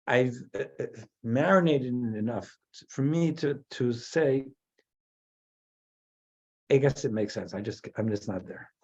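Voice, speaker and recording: A husky, darkish voice of medium pitch belongs to a New Jersey rabbi, an American man leading a Torah class at a measured pace. He frequently stops and restarts, repeating words while thinking out loud, captured in dull, lo-fi sound.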